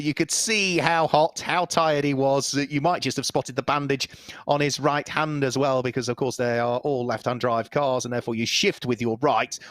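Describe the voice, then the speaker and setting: A man giving live motorsport commentary, steady and informative as he fills time between race and podium. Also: medium pitch, dry recording.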